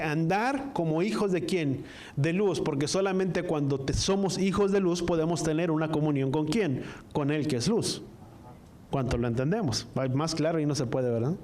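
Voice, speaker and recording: Guy preaching a sermon, kinda high voice, reads verses slow and gets the church to repeat after him. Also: darkish tone. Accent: Spanish-speaking, from the US-Mexico border. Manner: call-and-response, asks the congregation to repeat after him; reads scripture slowly, line by line. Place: church service, also streamed online.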